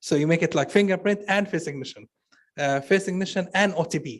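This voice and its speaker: A man speaking on a conference panel for the finance sector, talking quickly with repeated words and restarts. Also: high-pitched. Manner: fast, repetitive, with restarts. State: coughing. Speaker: banking panelist. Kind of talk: panel discussion. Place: conference stage.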